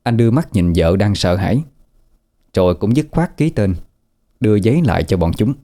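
A man narrating a ghost story in a steady, sorrowful manner. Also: on the low side, moderate pace.

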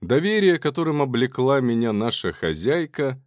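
Guy doing a sly mocking man, slow sarcastic drawl, dry close recording. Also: fairly low pitch, very animated, gravelly, darkish tone, no room sound, heavily acted. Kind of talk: audiobook character reading.

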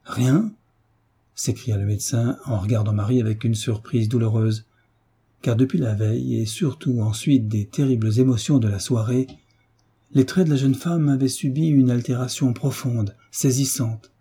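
A man narrating a classic novel as an audiobook, reading in a steady, dramatic storytelling manner. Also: medium pitch, normal speed, slightly rough.

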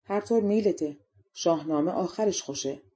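A woman's voice: lowish voice, mellow, natural voice. A woman voicing a young male soldier who speaks bluntly and mocks himself, in a storybook reading. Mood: cheerful. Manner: blunt, self-mocking. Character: young soldier-king, bold and plain-spoken.

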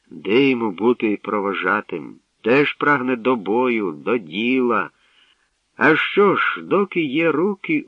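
A man reading aloud, voicing an old, wise bard who talks slowly and musingly, in a storybook tale. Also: medium pitch, dry recording. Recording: tinny lo-fi radio recording, distant.

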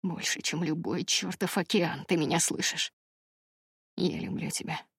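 A woman reading the part of a remorseful young fisherman in love, speaking low in a husky half-whisper. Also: a little slow, dry recording, studio quality, full character voice. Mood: pleading. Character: remorseful crab-fisherman lover, young man.

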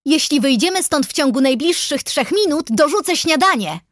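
A woman's voice: medium pitch, lively intonation, moderate pace, breathy edge, dry recording, clean studio sound. A woman reading an audiobook, voicing a bubbly, pushy young woman friend who chatters on. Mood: coaxing. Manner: chirpy, chattering.

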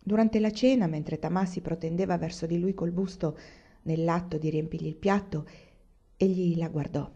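A woman reading a novel aloud in calm, even audiobook narration. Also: fairly low pitch, moderate pace, husky. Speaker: reader. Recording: dull lo-fi recording.

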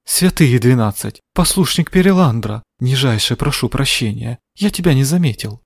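A man's voice: mid-range voice, expressive, normal speed, creaky, no echo. A man voicing a ragged boy thief who apologizes with exaggerated, mocking politeness. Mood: apologetic. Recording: dry studio sound.

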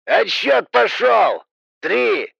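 Guy putting on a raspy mocking guard on a muffled radio, high voice, slow and draggy. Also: sing-song, a bit bright, dry recording, full character voice. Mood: threatening. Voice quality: hoarse, rasping. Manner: slow, taunting, drawn-out delivery. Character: gruff, mocking male perimeter guard. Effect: heard over a two-way radio. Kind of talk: audiobook character voice.

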